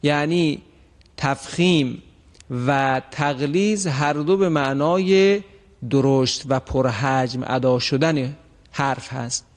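A man teaching a recitation lesson, explaining the rules and repeating example words slowly and drawn out. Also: medium pitch, long reverb tail.

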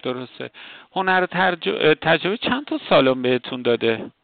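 A man's voice: on the high side, lively intonation, creaky, no echo, narrow, tinny audio. A man interviewing a filmmaker on radio, asking questions and giving brief affirming replies between them.

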